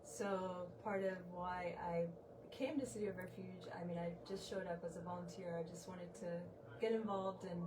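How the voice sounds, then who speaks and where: A woman's voice: on the low side, fairly even intonation, moderate pace. A woman in her twenties from Uganda, a medical student volunteer, answering interview questions in a hesitant way with many ums. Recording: distant mic with background noise.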